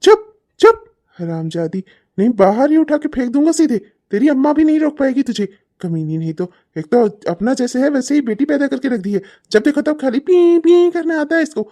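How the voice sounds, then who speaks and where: Someone voicing a cruel hot-tempered cartoon husband, yells and snarls, mellow dark tone. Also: medium pitch, normal speed, few pauses, lightly acted. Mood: raging. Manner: shouting insults, snarling and threatening. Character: abusive, short-tempered husband and father. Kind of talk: cartoon comedy voice acting.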